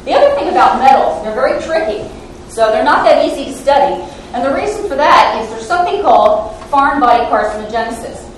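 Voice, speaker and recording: Speaking into a handheld mic in a large lecture hall, a woman scientist lectures academically as a guest, hesitant, self-deprecating, and heavy on fillers. Her voice sits high, very animated and a little fast. The sound is echoey from a far-off mic, with a bit of hiss or hum.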